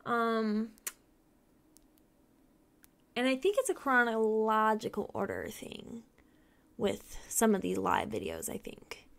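A woman's voice: a little high, sing-song, takes it slowly, vocal fry, long pauses. A young adult woman hosting a casual reaction vlog, rambling with lots of ums and little laughs. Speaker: reaction video host.

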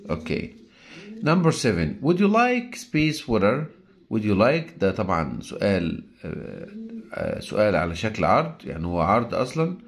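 Egyptian Arabic male teacher, lowish voice. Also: vocal fry. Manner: explains step by step, reads English sentences slowly, acts out student questions. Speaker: English teacher. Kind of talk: recorded grammar lesson.

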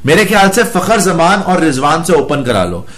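A man with a fairly high voice hosts a casual cricket discussion. He talks bluntly and teases players with mocking banter. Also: very animated, moderate pace, a bit bright. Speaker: cricket show host.

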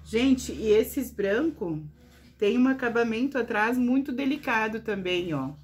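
A woman's voice: fairly high pitch, expressive, unhurried, a little mellow. A woman showing her handmade crafts to viewers in a casual vlog, gushing with praise and often calling out to her audience. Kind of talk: casual show-and-tell vlog.

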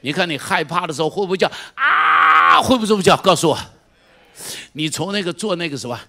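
Animated middle-aged male pastor preaching. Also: high voice, a little fast, vocal fry. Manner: animated, swings from quiet storytelling to shouted exhortation; asks the congregation repeated direct questions. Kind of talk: sermon.

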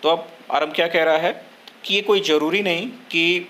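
A young man, explaining a story line by line in a lesson, pausing often with fillers. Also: a little high, steady tone, bright, forceful tone. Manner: slow, hesitant explaining with frequent filler pauses. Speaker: teacher.

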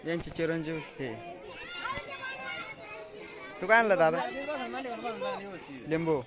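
Moving slowly through an outdoor village market run by school children, a vlogger with a slightly high voice chats with people. His questions are short and friendly and he repeats each answer, all over the busy sound of a crowd of children.

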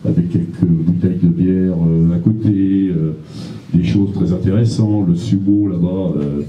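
A middle-aged man, a mayor, giving a formal welcome speech on a handheld mic in a small gallery, pausing often with "euh". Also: deep voice, steady tone, highs cut off. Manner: halting, many "euh" pauses. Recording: echoey room.

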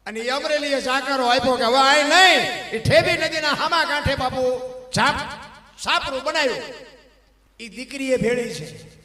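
A man's voice: very high voice, moderate pace, sharp tone. A man telling a folk story on stage, with emphatic, swelling declamation. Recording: live stage with long hall echo.

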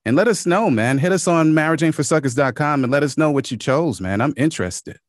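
A man co-hosting a podcast in casual chat, calm and understated, with plenty of slang. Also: a little high, fairly quick, no echo, studio quality. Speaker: podcast co-host.

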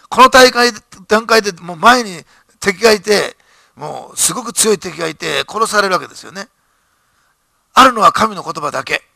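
Gravelly, bright-voiced male pastor preaching. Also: high-pitched, dry recording. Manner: preaches with rising fervor, reading scripture aloud. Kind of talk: sermon. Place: church.

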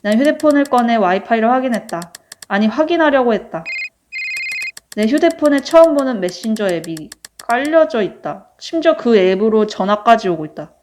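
A woman reading story-game narration aloud in a plain, steady way. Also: fairly high pitch, moderate pace, a little hiss or hum.

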